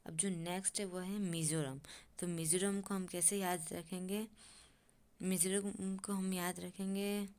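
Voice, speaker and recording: A woman's voice: lowish voice, flat delivery, measured pace, darkish tone. A young woman teaching memory tricks for an exam, who keeps repeating herself and checking that the listener follows. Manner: repetitive, keeps asking "ठीक है?" and checking on the listener.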